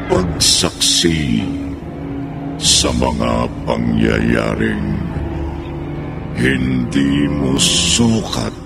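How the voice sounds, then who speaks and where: A man announcing a horror radio drama in an ominous, drawn-out manner. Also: rumbling low, very animated, vocal fry, over loud music. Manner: ominous, drawn-out delivery with menacing laughs. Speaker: show announcer.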